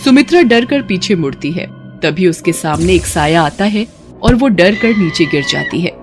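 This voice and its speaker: A woman narrating an animated horror story in a steady storytelling manner. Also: on the low side, normal speed, music in the background.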